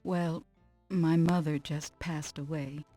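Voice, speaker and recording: A woman's voice: low-pitched, fairly even intonation, slow, mellow, no echo. An actress playing a guarded, elegant wealthy woman in an adventure game, poised, cool and formal. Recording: dry game audio with music. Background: game music.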